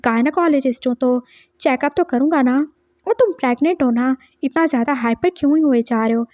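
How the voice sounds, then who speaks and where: A woman's voice: high voice, brisk, darkish tone, no echo, clean studio sound, natural voice. A woman voicing a young male doctor who is doting yet bossy, coaxing and insistent in a fan story.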